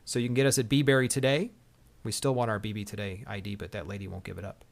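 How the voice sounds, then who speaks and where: Guy hosting a tech show, talks quick, kinda exasperated and gripey. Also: fairly low pitch, flat delivery, gravelly. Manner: griping, exasperated. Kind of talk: casual tech review chat.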